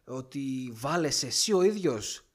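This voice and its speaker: Young man, mid-pitched voice, emphatic, interrupts, casual chat. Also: lively intonation. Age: young adult. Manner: emphatic, interrupts, drawn-out stresses. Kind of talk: casual chat about films.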